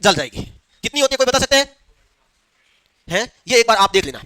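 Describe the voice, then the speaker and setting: Questions come rapidly from a man teaching a lecture, and he supplies the answers himself, speaking very high and fast. His bright voice swings widely in pitch, captured dry without any echo.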